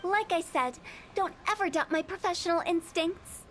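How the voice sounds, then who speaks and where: Self-assured, mischievous young woman undertaker for an anime game, extremely high voice, teasing. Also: normal speed, fairly bright tone, a little hiss or hum. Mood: playfully confident. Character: cheeky, confident young female funeral parlor director.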